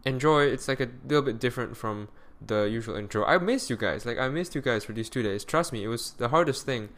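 A man's voice: mid-range voice, brisk, fairly bright tone. Male solo podcast host, tired weary voice, rambling self-correcting delivery, close home mic.

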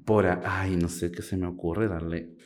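A man with a Peruvian Spanish accent telling a personal story in a casual chat, campy and animated, often breaking into laughter. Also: sits low, moderate pace. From Peru.

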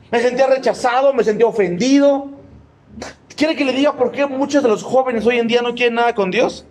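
High-voiced preacher quizzing his flock. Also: a little fast, a little mellow. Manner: emphatic, quizzes the congregation with yes-or-no questions; humorous, mimics people in asides. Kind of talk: sermon. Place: church.

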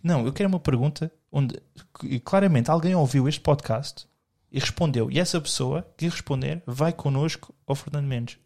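A man's voice: on the high side, normal speed, gravelly, hardly any pauses, darkish tone. A young man with a European Portuguese accent, co-hosting a podcast in rambling, joking casual chat full of slang. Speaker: podcast co-host.

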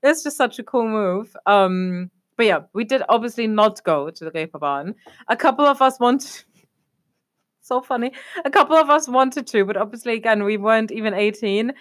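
Chatting casually as a podcast co-host, a young German woman rambles along in a high-ish, animated voice with a fairly bright tone and normal speed. Fillers such as "obviously" and "a whole thing" keep cropping up.

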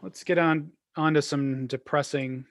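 A man's voice: a little high, steady tone, unhurried. A man co-hosting a casual sports podcast, rambling through game talk with lots of fillers and restarts. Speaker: podcast co-host.

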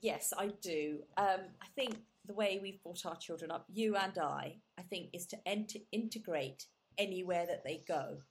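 An English woman whose first language is Gujarati hosts a casual conversational interview podcast in a lowish voice. She talks at a normal speed with few pauses, sounding warm and reflective, with many fillers and restarts.

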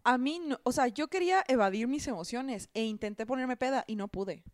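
A woman's voice: fairly high pitch, brisk, no room sound. Woman, young, crude playful banter, dry close recording. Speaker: podcast co-host. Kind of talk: casual chat.

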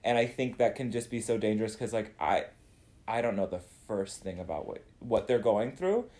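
A man's voice: on the low side, animated, normal speed, darkish tone. A man co-hosting a podcast, talking earnestly and reflectively in casual chat, often searching for words. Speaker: podcast co-host.

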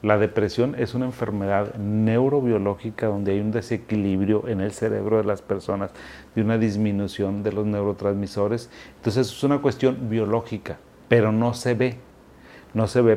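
A man, a mental health specialist, giving casual advice straight to the listener. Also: fairly low pitch. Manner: warm direct second-person advice, with Mexican slang. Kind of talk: informal advice talk.

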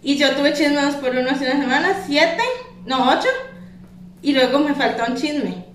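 A young Costa Rican woman with a high-pitched voice co-hosts a casual podcast. She tells stories in animated, gossipy slang. The sound is echoey and set back from the mic. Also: moderate pace, a little hiss or hum. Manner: slangy, animated storytelling with giggles. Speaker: podcast co-host. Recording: roomy, echoey, distant from the mic.

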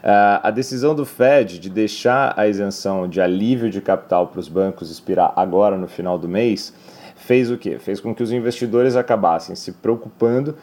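A man's voice: fairly low pitch, normal speed, darkish tone. A man explaining financial markets as an analyst on a news program, talking in long sentences with frequent tag questions. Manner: explanatory, many filler "né" tags.

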